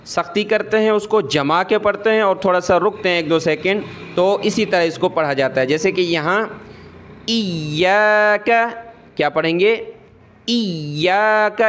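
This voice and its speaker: A man teaching Quran reading step by step, stretching out sounds in slow recitation between plain explanations, and asking the learner questions before answering them himself. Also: sits high, a bit bright.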